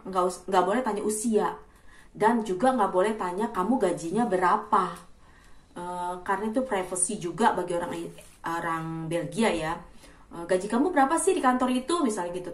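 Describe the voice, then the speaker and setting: A woman in her thirties in casual vlog chat, acting out loud greetings. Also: medium pitch, roomy sound, far from the mic. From Indonesia. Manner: chatty, acts out loud greetings. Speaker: vlogger.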